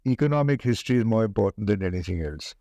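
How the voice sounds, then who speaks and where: An older man with an educated upper-class Indian accent answers interview questions deliberately and emphatically, repeating phrases for stress. His voice is on the low side, animated, creaky, and dark in tone, with no echo.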